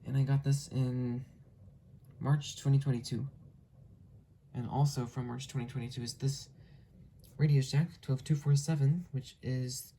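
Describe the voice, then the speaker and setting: Mellow and medium-pitched, this hobbyist speaks a little slowly with fairly even intonation and long pauses. The casual show-and-tell is filmed at home on a handheld camera held by the speaker, who rambles and corrects themselves.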